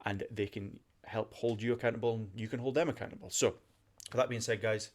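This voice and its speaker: A man's voice: on the low side, fairly even intonation, a little fast. Passionate, emphatic man hosting a podcast. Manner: passionate, gets worked up, emphatic repetition. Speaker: podcast host. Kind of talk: solo motivational podcast talk.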